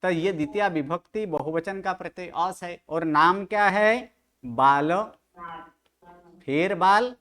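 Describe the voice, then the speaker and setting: A high, bright, forceful male voice at a moderate pace runs an online Sanskrit grammar session for a study group. He fires questions at students and corrects their pronunciation.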